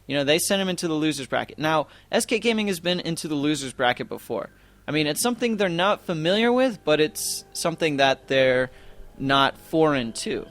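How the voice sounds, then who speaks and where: A young man casting a video game tournament live, chatty and rambling, full of fillers and quick self-corrections. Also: a little high, expressive, a bit bright. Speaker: esports tournament caster. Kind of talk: casual live game commentary.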